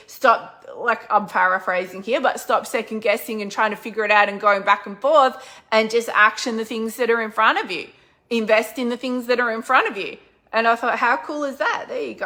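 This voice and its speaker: A middle-aged woman business coach giving an energetic, chatty motivational talk with a faith-based slant. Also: on the high side.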